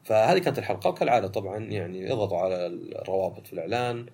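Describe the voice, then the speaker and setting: A man, hosting a solo podcast and talking through his thoughts in a fast, conversational way. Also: vocal fry, slightly rough. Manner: fast and conversational, with lively rises in pitch. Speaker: podcast host.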